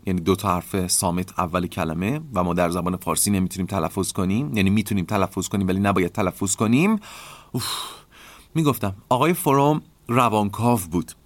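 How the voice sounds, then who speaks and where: A man hosting a podcast, calmly explaining ideas in a reflective lecture and often asking rhetorical questions. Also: on the low side, dry recording. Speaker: podcast host.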